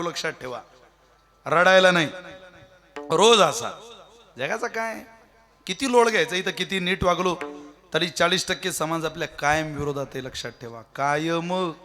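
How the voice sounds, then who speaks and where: Male kirtan preacher with a bright, lifted voice, folksy and jokey, faint music underneath. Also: high voice. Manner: folksy, joking, rhetorical questions. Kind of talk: devotional sermon with humour.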